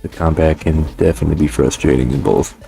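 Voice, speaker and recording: Reviewing a video game for his channel, a man speaks fast in a low, dark, creaky voice with a steady tone. He keeps it loose and conversational, leaning on slang, while quiet music plays in the background.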